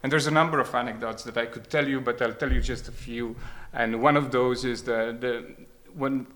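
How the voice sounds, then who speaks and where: A man's voice: medium pitch, steady tone, normal speed, fairly bright tone. A man, speaking reflectively about his experience and often hesitating and repeating words as he thinks. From Croatia. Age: 30s. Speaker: speaker sharing personal experience. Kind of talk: reflective spoken testimony.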